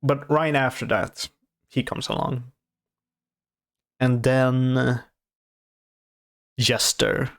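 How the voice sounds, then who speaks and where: A man reacts to a show in off-camera commentary. His voice is gravelly and his pace slow. He restarts sentences often and speaks softly. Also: medium pitch, steady tone. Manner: halting, many fillers and restarts, soft-spoken. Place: off-camera voice-over.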